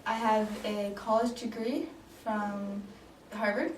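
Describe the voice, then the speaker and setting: Taking it slowly, this woman from Denmark, late twenties, speaks at medium pitch with little pitch movement. It's an informal improvised mock interview, and she hesitates with frequent ums and restarts, recorded from afar in an echoey room with faint noise.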